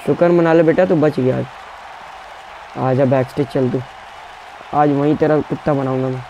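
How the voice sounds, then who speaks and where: A young man giving excited gameplay commentary, taunting his opponents and barking commands as he plays. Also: mid-range voice, normal speed, highs cut off, some chatter behind, slight background noise. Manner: trash-talking, taunting opponents, shouting commands. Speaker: gaming YouTuber.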